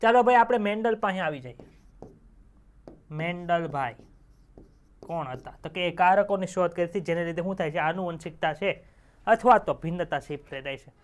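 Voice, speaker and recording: A man's voice: high-pitched, moderate pace, long pauses. A young male teacher, giving an online exam-prep lecture in a chatty way, telling jokes and quizzing students with rhetorical questions.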